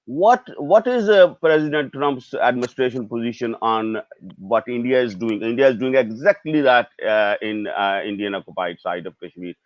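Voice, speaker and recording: A man's voice: mid-range voice, lively intonation, no room sound. Hesitant moderator man, dull dry audio. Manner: halting, hesitant questioning. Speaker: panel moderator. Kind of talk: moderating an online panel.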